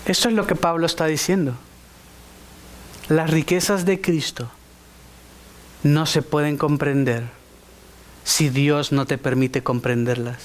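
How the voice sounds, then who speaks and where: Brief: male preacher, high voice, emphatic sermon delivery, asks the congregation questions. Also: fairly even intonation, a little slow, long pauses. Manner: emphatic, rising to high exclamations; speaks directly to the congregation with questions.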